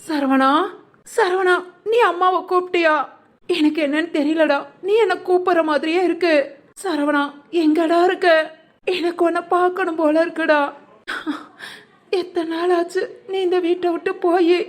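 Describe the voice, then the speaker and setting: A grieving village mother, voiced by a woman calls out for her missing son in a family drama. Her voice is very high and full of sorrow. She pleads softly and steadily throughout. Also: steady tone, a little slow.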